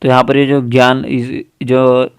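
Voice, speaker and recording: A man talks slowly through a phone app tutorial, one step at a time, and pauses often on small fillers. His voice is smooth and resonant. It is recorded close and dry, with no room sound. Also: mid-range voice, completely flat delivery, dry recording. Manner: patient step-by-step explaining, frequent fillers. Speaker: tutorial host.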